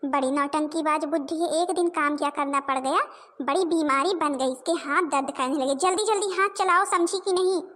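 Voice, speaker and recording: Sly, lazy young daughter-in-law, played by a woman, whiny, very high-pitched. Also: normal speed, a bit bright. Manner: whiny, scheming asides. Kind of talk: cartoon voice acting.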